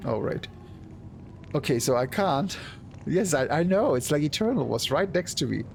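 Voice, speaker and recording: A man's voice: a little high, lively intonation, moderate pace, vocal fry, a little hiss or hum. A man streaming a game, chatting casually and laughing at himself often. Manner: self-deprecating, laughs often. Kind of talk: casual gameplay chat.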